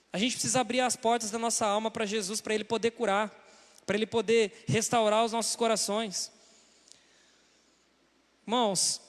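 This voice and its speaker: Brazilian male pastor, young, conversational sermon that acts out quoted voices, very high pitch. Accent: Brazilian Portuguese. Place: church sanctuary. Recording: long hall reverb.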